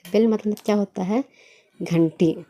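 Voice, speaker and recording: A woman's voice: mid-range voice, steady tone, a little slow, mellow. A young woman teaching a basic English reading lesson, who asks a question and then answers it herself, patiently spelling out each word.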